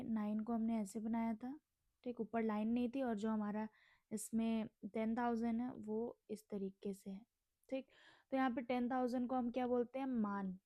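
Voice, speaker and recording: A woman's voice: on the high side, dark tone, no room sound. Hindi-speaking woman teaching Japanese words. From India. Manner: repeats words slowly, asks and answers her own questions. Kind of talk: casual Hindi language lesson.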